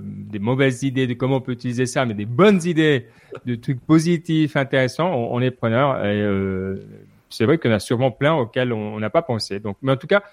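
A man hosting a podcast in a relaxed, casual tone, wrapping up a topic. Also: mid-range voice.

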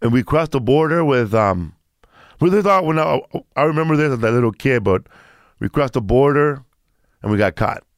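A man's voice: mid-range voice, animated, moderate pace, no echo, clean studio sound. A man in his fifties from Mexico, telling stories in a casual chat with lots of restarts and acted-out quotes. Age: 50s. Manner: rambling storyteller, restarts, acts out quotes.

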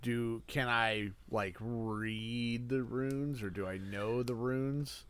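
A man's voice: mid-range voice, fairly even intonation, slow pace, fairly bright tone, clear, resonant tone. A man playing a tabletop game, laid-back and asking the game master questions. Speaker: player. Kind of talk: casual tabletop game play.

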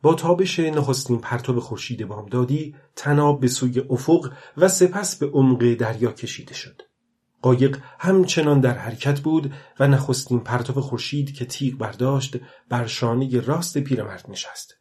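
Male audiobook narrator, measured and steady, clear scripted reading. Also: mid-range voice.

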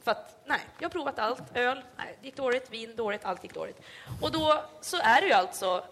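A woman's voice: on the high side, lively intonation, fairly bright tone. A young woman from Sweden with a Hälsingland accent, hosting a live podcast and telling a comic story full of fillers. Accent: Hälsingland Swedish. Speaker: podcast host. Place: live event stage.

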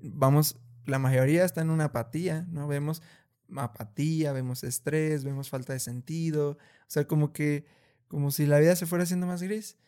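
A man in casual conversation who talks slowly and thoughtfully and raises his voice to act out scolding parents. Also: fairly high pitch, fairly even intonation, mellow, smooth. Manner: slow and deliberate, many fillers.

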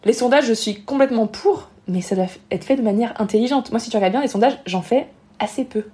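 A woman's voice: on the high side, dark tone. A woman, a podcast guest giving frank advice on social media in an emphatic way, often acting out other people's thoughts. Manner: rapid, emphatic, frank, acts out quoted thoughts. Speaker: guest, Instagram marketing expert.

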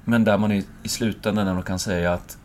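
Man, low voice, reflective lecturer type mid-conversation, faint hiss behind. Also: fairly even intonation, a little mellow. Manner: thoughtful, searching, acts out his own inner voice. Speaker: speaker and lecturer.

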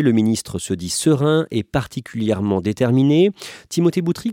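Measured man presenting news. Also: mid-range voice, dark tone, no echo, clean studio sound. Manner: measured, asks a reporter questions. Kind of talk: scripted news narration.

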